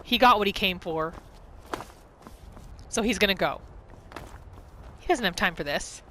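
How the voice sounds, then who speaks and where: This gaming roleplay host speaks unhurriedly in a mid-range, pushed and bright voice, narrating in third person what her character is thinking while she plays. Game music runs underneath, and there's a little hiss or hum on the recording.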